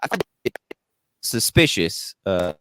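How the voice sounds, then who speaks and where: A man hosting a podcast interview remotely, talking in a halting way with many restarts, while his call audio glitches and breaks up. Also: lowish voice, very animated, a bit bright, slight background noise. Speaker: podcast host. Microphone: call microphone.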